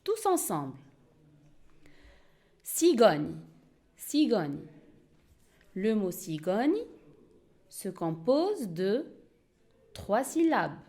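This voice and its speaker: A woman teacher giving an early-reading lesson, speaking slowly and clearly and repeating each word for learners to echo. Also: mid-range voice, sing-song, warm tone. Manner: slow, clear, repeats words for pupils to echo.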